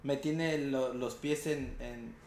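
In a relaxed chat, a young man with a Mexican Spanish accent tells a lively, slang-filled story and performs the quoted lines. He speaks slowly in a mid-range voice, and the audio has a roomy sound.

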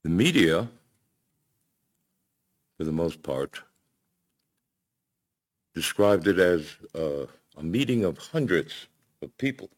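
A man delivers a sermon in a deep, low voice. He speaks in measured, emphatic phrases and pauses between his points. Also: expressive. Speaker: pastor.

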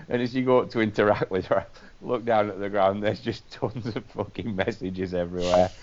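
A man's voice: fairly low pitch, fairly even intonation, normal speed, darkish tone. A British man co-hosting a podcast, telling casual, sweary anecdotes about gaming. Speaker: podcast co-host. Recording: dull lo-fi podcast audio.

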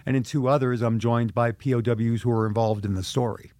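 Middle-aged guy talking about his book, earnest, kinda halting, dry close sound. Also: medium pitch, fairly even intonation, darkish tone, no echo. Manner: earnest, reflective, with frequent restarts. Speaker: author and guest. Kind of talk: interview conversation.

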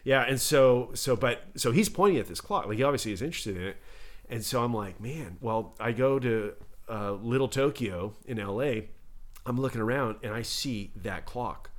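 A man, a sailor guest on a podcast, telling lively stories with many fillers and acted-out quotes. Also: mid-range voice, normal speed. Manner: animated storyteller, many "like" fillers, acts out quotes loudly. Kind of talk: casual storytelling.

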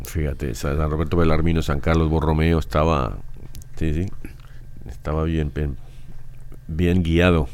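A man's voice: extremely low pitch, fairly even intonation, unhurried, long pauses, darkish tone, clean tone. A man in a religious discussion, reflective, who often interjects with short remarks. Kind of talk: casual devotional discussion.

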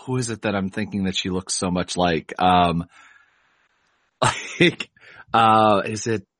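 Low gravelly guy, sick, chatting casually. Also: slow, fairly bright tone, no room sound. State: sick, voice partly cleared up. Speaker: podcast co-host. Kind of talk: casual podcast chat.

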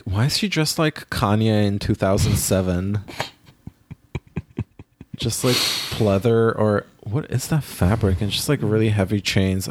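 A man co-hosting a podcast, chatting casually and gossiping dryly with frequent fillers and restarts. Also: lowish voice. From New York. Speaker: podcast co-host.

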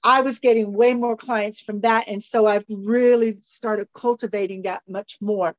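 A woman's voice: medium pitch, steady tone, unhurried. A woman on a video call sharing her business experience in a casual group discussion, hesitant and restarting her sentences. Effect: heard over a video call. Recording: dull lo-fi video call audio.

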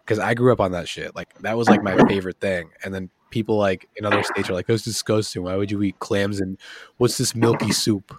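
Fairly low-voiced man, slangy and profane. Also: steady tone, brisk, a little hiss or hum. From Massachusetts. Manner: loose, profane, slangy talk. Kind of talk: casual chat.

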